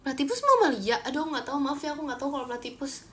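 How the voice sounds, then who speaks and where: A woman's voice: high-pitched, very animated, rapid-fire, fairly bright tone. A young Indonesian woman hosting a casual livestream, chatting and giggling as she reads viewer comments. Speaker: idol livestream host.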